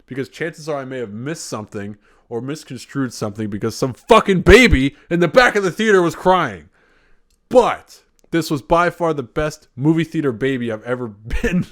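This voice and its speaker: A man casually reviewing a movie he saw, rambling, swearing freely and drifting off topic. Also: medium pitch. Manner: rambling and profane, often sidetracked.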